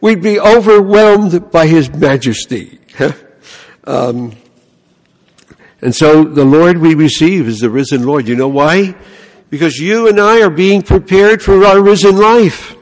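This high-pitched older priest from the Bronx talks with a New York accent, delivering a lively sermon full of stories and frequent "huh?" and "you know" asides. A long reverb tail trails his words.

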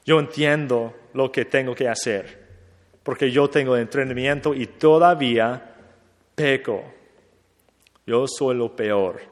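Slow, reflective priest in a reverberant church. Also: male voice, mid-range voice. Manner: slow, reflective, repeating questions to himself. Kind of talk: sermon.

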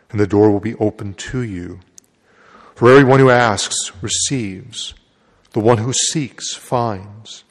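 A man serving as a priest, reading the gospel and preaching a homily in a large church. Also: fairly low pitch. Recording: long echo of a large church.

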